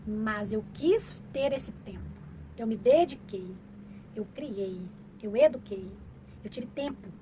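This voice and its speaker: A woman's voice: fairly high pitch, expressive, slow pace, mellow, slight background noise, poor audio. A middle-aged woman talking casually to viewers as a mother giving parenting advice, emphatic and preachy, repeating her points for stress.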